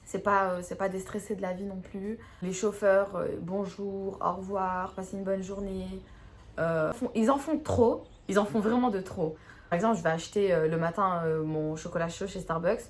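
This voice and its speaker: A woman's voice: mid-range voice, moderate pace. A young woman chatting casually in a vlog, hesitant and self-mocking. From Belgium. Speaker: vlogger.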